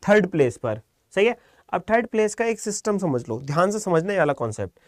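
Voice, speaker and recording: A man teaching a live online shorthand class, calm and encouraging, quizzing students by name. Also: high-pitched, brisk, no echo, clean studio sound.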